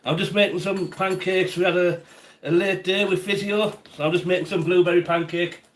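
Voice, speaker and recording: A chatty man hosts a relaxed cooking stream, talking to his viewers by name while he works at the stove. His voice sits a little high for a man, and the home kitchen gives it a roomy, echoey sound. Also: brisk. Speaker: cooking livestream host. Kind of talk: casual live-stream chat while cooking.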